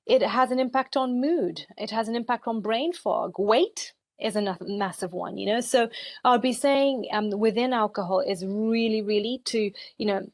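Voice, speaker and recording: A woman's voice: on the high side, normal speed, dry recording. A woman in her forties from Zambia, a dietitian talking conversationally in a podcast interview, with many "you know" fillers. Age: 40s. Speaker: dietitian guest.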